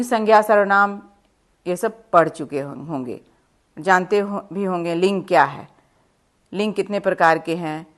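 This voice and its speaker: A woman teaching a grammar lesson, patiently explaining step by step with examples and reading example sentences slowly and deliberately. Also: mid-range voice.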